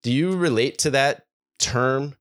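A man's voice: medium pitch, a little slow, fairly bright tone, no room sound, studio quality. A man hosting a music podcast interview, asking questions hesitantly with many restarts. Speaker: podcast host.

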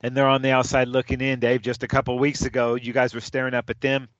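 A man's voice: medium pitch, level tone, quick pace, a bit bright, no echo, dull audio. A man co-hosting a casual sports chat, loose and jokey, often calling his partner dude. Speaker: sports podcast co-host.

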